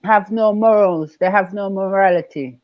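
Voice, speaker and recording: An older man from Barbados, speaking as a guest elder in an online panel discussion, measured and emphatic, repeating key words. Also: sits high, dry recording, dull audio.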